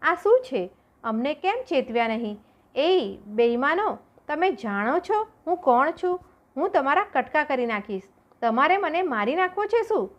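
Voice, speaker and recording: A woman's voice: high voice, very animated, normal speed, dull audio, voice pushed up. A woman voicing a proud male warrior gone terrified and pleading, with frantic wailing cries in a storybook reading. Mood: angry panic.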